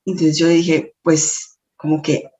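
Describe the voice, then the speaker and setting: A woman lecturer and coach with a slightly shrill voice, telling stories expressively in a motivational lesson to camera. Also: takes it slowly, breathy edge. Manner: expressive, storytelling with lots of self-talk.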